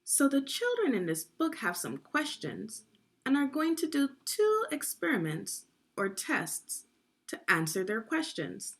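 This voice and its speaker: A woman with a voice that sits high reads to children slowly and lively, acting as both teacher and narrator. Her guided read-aloud is crisply enunciated and instructive, and she puts questions to the young listeners.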